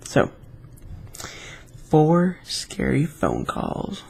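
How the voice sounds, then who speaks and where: A man's voice: on the high side, wildly swooping pitch, extremely slow, gravelly, a little mellow, breathy edge. A man casually reading scary stories aloud, with chatty, rambling asides between them. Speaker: YouTube storyteller.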